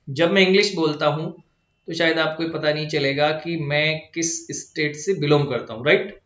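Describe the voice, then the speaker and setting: Male exam coach, somewhat high voice, direct and instructive; echoey room, dull lo-fi audio. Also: a bit bright. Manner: direct, instructive, addresses students plainly. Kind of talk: online exam-prep lesson.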